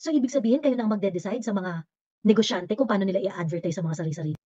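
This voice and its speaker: A woman's voice: mid-range voice, rapid-fire, dark tone, breathy edge. A woman with a Filipino accent hosting a casual livestream, combative and teasing, mixing English into her talk. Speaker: livestream host. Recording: slightly dull lo-fi audio.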